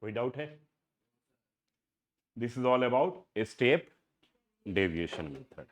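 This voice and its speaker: A man's voice: medium pitch, big pitch swings, extremely slow. A middle-aged man from India teaching math to a live class, keeps quizzing students as he works through each step. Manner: questioning students, mixing Hindi and English. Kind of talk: classroom lecture.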